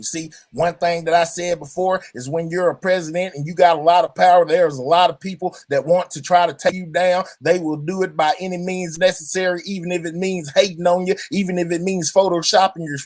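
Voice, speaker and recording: Boastful high-voiced man. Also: no room sound. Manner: boastful, defiant, repetitive. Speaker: livestream host. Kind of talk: mock-presidential livestream rant.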